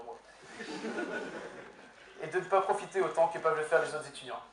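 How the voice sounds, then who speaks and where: Young man giving an ironic contest speech. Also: fairly high pitch. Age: young adult. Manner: ironic, deadpan punchlines. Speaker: law student competing in an eloquence contest. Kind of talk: prepared humorous contest speech. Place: university lecture hall with audience. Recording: echoey hall, far from mic, faint noise.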